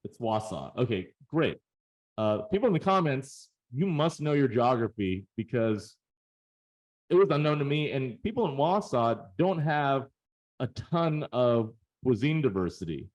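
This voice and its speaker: A man's voice: mid-range voice, big pitch swings, unhurried, darkish tone, low-quality recording. A man presenting data in a webinar, explaining charts in a casual, conversational way with frequent fillers.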